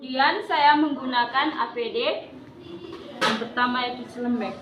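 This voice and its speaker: A woman's voice: a little high, moderate pace. A woman explaining a clinical procedure step by step as a midwife, in a polite, formal customer-service manner. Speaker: midwife demonstrating a patient examination. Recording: echoey room, distant mic, clear background noise.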